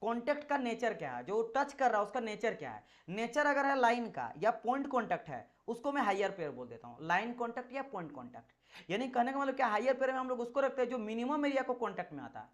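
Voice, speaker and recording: A man's voice: extremely high pitch, very animated, quick pace. A male tutor giving a classroom lecture. He repeats each point several times and checks in with rhetorical questions. He demonstrates with objects at hand while slipping English technical terms into his talk. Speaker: engineering exam teacher.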